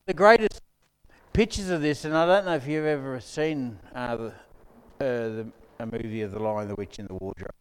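A man's voice: mid-range voice, moderate pace, clear, resonant tone. A man preaching a sermon as pastor, conversational with joking asides to the congregation, on a mic in a church hall. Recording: long hall reverb.

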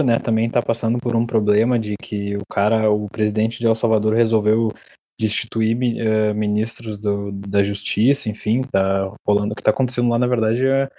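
A man's voice: medium pitch, mellow, dry recording. A man with a southern Brazilian accent, chatting casually as a podcast co-host.

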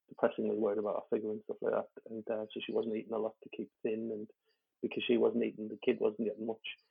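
A man rattles through a candid, rambling story, his husky, gravelly voice staying flat in pitch. He swears freely and restarts his sentences often. The audio is lo-fi and thin, like a phone line. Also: quick pace. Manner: rambling, with frequent fillers and restarts; swears freely and laughs while talking. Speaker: stand-up comedian guest.

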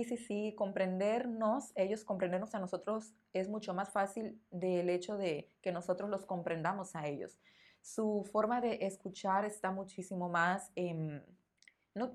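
Speaking at a medium pitch, a Mexican-accented woman who teaches Spanish hosts a conversational podcast interview. She gives thoughtful explanations and repeats words as she searches for what to say.

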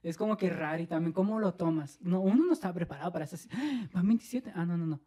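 A man with a Mexican accent telling an animated story on a podcast, laughing and acting out what people said. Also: a little high, rapid-fire. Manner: animated, laughing, acts out quoted voices. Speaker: podcast co-host. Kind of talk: casual storytelling chat.

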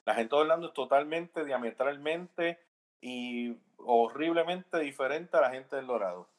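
A man with a Puerto Rican accent talks as a podcast guest in a voice of ordinary middle pitch. He lays out his views in an earnest, unhurried way, thinking aloud as he goes. He keeps checking in with his listener through quick tag questions. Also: poor audio. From Puerto Rico. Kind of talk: casual opinion chat.

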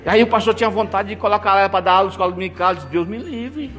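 A man preaching a lively marriage sermon, joking and calling out to the congregation as he acts out little scenes. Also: high voice, rapid-fire, noisy background. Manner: animated, jokey, calls out to congregation. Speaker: pastor.

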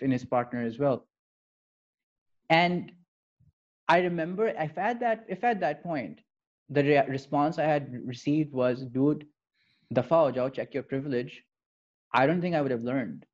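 A man with a Pakistani accent telling personal stories in a thoughtful, halting conversational way, switching between English and Urdu. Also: a little high, a little mellow, muffled recording. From Lahore, Pakistan. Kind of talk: reflective conversational storytelling.

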